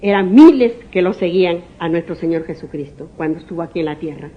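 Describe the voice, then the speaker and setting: A woman's voice: on the low side, fast talker, lo-fi sound. A woman pastor preaching a sermon. She asks rhetorical questions, repeats her phrases and sometimes stumbles over names and restarts.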